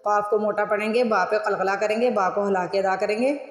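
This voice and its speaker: A man teaching a tajweed lesson to his students. He drills letters and words slowly and repeats each one several times, in a patient, instructive tone. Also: high-pitched, fairly even intonation. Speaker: Quran recitation teacher. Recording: roomy recording with long reverb tail.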